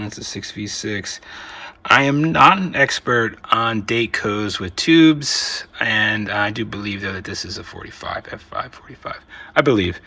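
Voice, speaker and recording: A man hosts a hands-on electronics video, thinking aloud in casual, unscripted commentary as he inspects things, sometimes trailing off. His voice is on the low side, pushed and bright. Background noise and room ambience come through clearly.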